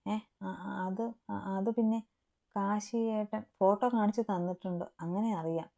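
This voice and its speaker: A woman voicing a timid but sharp-tongued young student who grumbles and stammers, in a storybook reading. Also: medium pitch, brisk, natural voice. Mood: flustered.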